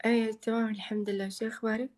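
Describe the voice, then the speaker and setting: A man doing a woman's voice, playing a soft-spoken, polite and plaintive young woman chatting on a live stream. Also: high voice, little pitch movement, very fast, natural voice. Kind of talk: casual live-stream chat.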